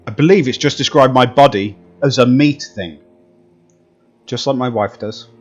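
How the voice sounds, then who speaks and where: A man's voice: medium pitch, normal speed, lo-fi sound, soft background music. A man streaming a video game, making jokey, sarcastic asides in casual commentary.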